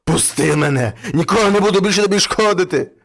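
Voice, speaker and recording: Angry shouting devil, voiced by a man, slow and heavy, folk tale. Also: sits high, animated. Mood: furious. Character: furious young devil, loud and frightened.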